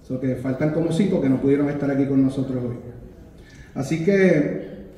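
A man's voice: medium pitch, normal speed, warm tone. Puerto Rican man announcing in an echoey hall. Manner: joking, teasing, mixes in English words. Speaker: producer presenting a musical's cast. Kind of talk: casual live announcement to a crowd. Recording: echoey hall with long reverb.

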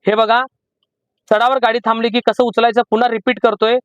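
A man with a Marathi accent teaching driving from inside a parked car, explaining slowly and repeating each step. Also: very high voice, flat delivery, a bit bright, no room sound, highs cut off. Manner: repetitive, slow emphatic teaching. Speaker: driving instructor. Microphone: camera in the car.

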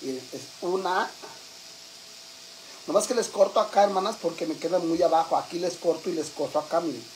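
A man's voice: high voice, fairly quick, slight background noise, lightly acted. A man with a Mexican accent playing a brash, foul-mouthed middle-aged woman who gossips with her viewers in a comic vlog. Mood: chatty. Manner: crude, gossipy, addresses viewers as sisters.

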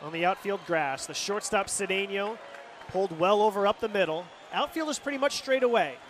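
Speaking a little fast in a high voice, an American play-by-play man calls live baseball over the radio, narrating the action as it happens. The broadcast carries heavy stadium crowd noise and outdoor ambience behind him.

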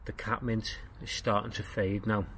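A man giving a casual tour of his walled garden outdoors, talking in a plain-spoken, unhurried way as he walks and explains. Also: on the low side, little pitch movement, fairly bright tone, a little hiss or hum. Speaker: gardening vlogger.

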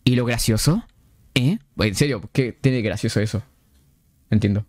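A man's voice: medium pitch, normal speed, darkish tone, no room sound, voice pushed down, natural voice. A man reading a dry, teasing male friend.

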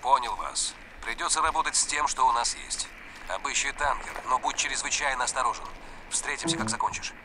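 A man's voice: mid-range voice, fairly quick, background noise. An actor playing a male military handler who gives clipped orders over a walkie-talkie radio. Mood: urgent.

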